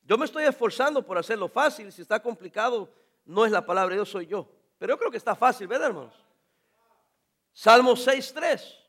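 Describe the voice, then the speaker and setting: A male pastor delivering a sermon with a strikingly high voice. He speaks straight to his congregation, firing questions at them and now and then breaking into loud shouts. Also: brisk. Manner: animated preaching, addresses congregation directly, sudden shouts.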